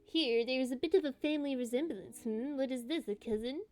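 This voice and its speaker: A woman's voice: high voice, a little fast, darkish tone, faint music behind, close to an everyday voice. A woman voicing a condescending, bitter male antiques appraiser with a smug, patronizing manner.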